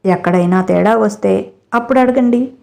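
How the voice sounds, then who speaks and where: A woman's voice: medium pitch, normal speed, gravelly, dark tone, close to an everyday voice. A woman voicing a playful young bridegroom. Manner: jokingly solemn, good-humored. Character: playful young man, cheerful new brother-in-law.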